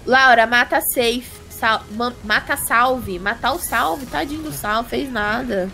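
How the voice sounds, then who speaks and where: High-voiced teasing Brazilian woman. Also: slow pace, pushed and bright. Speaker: gaming streamer. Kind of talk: casual live-stream chat while gaming. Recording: music playing behind. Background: music.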